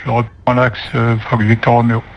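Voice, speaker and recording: A man's voice: mid-range voice, completely flat delivery, moderate pace, creaky, lo-fi sound. A man piloting an aircraft, giving brief procedural readbacks over the radio. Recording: noisy cockpit radio transmission.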